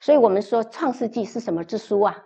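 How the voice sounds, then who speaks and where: A woman's voice: on the high side, animated, quick pace, vocal fry, mellow, breathy edge, muffled recording. A woman pastor preaching a sermon, telling a story with emphatic, repeated phrases.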